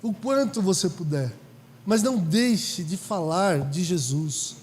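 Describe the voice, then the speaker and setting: High-voiced São pastor preaching. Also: male voice, animated, slow pace, a little mellow, husky. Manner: conversational preaching, asks the congregation questions. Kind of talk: sermon. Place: church hall. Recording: reverberant church hall.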